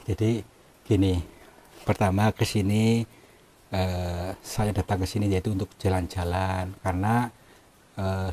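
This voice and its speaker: A man exploring a cave, talking in a hushed, hesitant and apologetic way with many fillers. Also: deep voice, a little hiss or hum. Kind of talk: hushed polite on-location talk.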